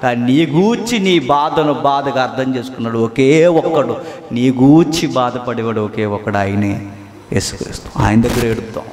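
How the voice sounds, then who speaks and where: A man's voice: moderate pace, slight background noise. Impassioned preacher man in an echoey hall. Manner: swings between loud high exhortation and low soft drops; repetitive preaching cadence, rhetorical questions. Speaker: pastor. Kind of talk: emotional sermon.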